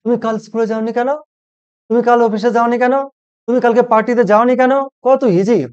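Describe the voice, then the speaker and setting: A man teaching a spoken English lesson, who asks each question and then says it slowly in English, and keeps calling it easy. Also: extremely high pitch, little pitch movement, a little mellow, clear, resonant tone, highs cut off.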